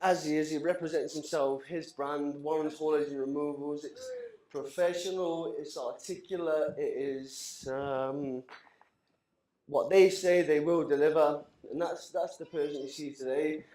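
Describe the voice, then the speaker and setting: A man's voice: on the high side, fairly even intonation, unhurried, dark tone, reverberant. A man in his thirties giving a rambling, emotional best man speech after a few drinks. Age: 30s. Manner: rambling, emotional, laughing between lines. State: tipsy. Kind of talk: wedding speech. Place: wedding reception hall.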